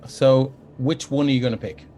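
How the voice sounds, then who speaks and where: A man's voice: mid-range voice, fairly even intonation, moderate pace, mellow, slight background noise. A man running a tabletop game as game master, narrating casually to his players.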